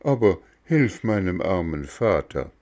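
A man's voice: deep voice, sing-song, measured pace, a little mellow. A man voicing a remorseful, polite wooden puppet boy in a storybook reading, in a pleading, apologetic way. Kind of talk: storybook narration.

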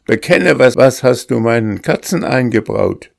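A man doing a panicked old miser shouting in alarm. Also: animated, unhurried, gravelly, no echo, studio quality. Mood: frantic, shouting. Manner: shouting in alarm, voice pushed higher. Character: miserly, suspicious older man, easily panicked.

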